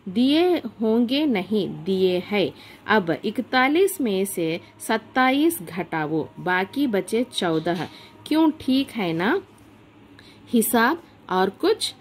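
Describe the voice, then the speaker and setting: A woman reading the part of a stern adult male employer who scolds and lectures his governess, in a slow, sharp tone. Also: mid-range voice, sing-song, slight background noise.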